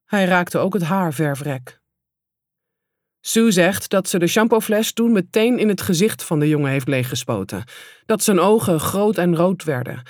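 Calm woman reading an audiobook. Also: on the low side, normal speed, no room sound, clean studio sound. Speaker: audiobook reader. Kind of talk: audiobook narration.

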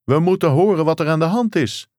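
A man doing a policeman shouting down a bad line. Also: a little high, lively intonation, fairly quick, no echo, studio quality, voice pushed up, lightly acted. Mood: shouting, exasperated. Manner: shouting, exasperated.

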